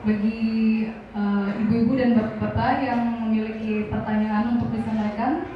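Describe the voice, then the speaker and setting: A woman's voice: fairly high pitch, little pitch movement, normal speed. A woman moderating a talk, politely and a little hesitantly inviting questions from the parents. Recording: echoey hall, distant mic, dull and noisy.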